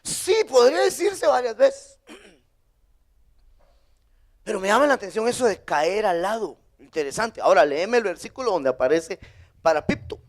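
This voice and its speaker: A Guatemalan man preaching a sermon as pastor, lively, with sudden high emphatic bursts. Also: moderate pace, pauses often. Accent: Guatemalan Spanish.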